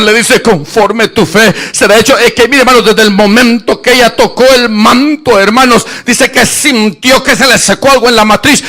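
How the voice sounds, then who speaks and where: A man preaching an animated sermon, shouting at peaks and acting out Bible scenes in voices. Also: very high voice. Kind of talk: lively Spanish-language sermon.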